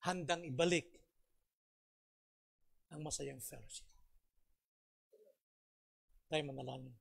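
A man's voice: fairly high pitch, slow pace, gravelly, slightly rough. A male pastor preaching earnestly, telling a story with rhetorical questions and closing in prayer.

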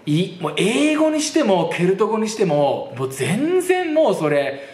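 A man's voice: high-pitched, wildly swooping pitch, measured pace, darkish tone. A man hosting a horse racing channel, talking casually to camera in a rambling, chatty way and laughing often. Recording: roomy echo.

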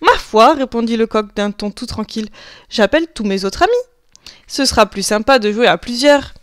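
A woman voicing a calm, clever male rooster who answers in an easygoing, unruffled way in a children's storybook reading. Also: fairly high pitch, normal speed, dry recording, studio quality, close to an everyday voice. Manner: calm, easygoing, quietly sure. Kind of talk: storybook voice acting.

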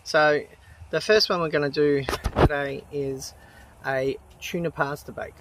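Working in a canvas tent at a campsite, a camp cooking host walks viewers through a simple recipe in an easygoing, talkative style, one step at a time. For a man his voice runs a little high, and he speaks a little slowly. Clear background noise runs through this noisy outdoor recording.

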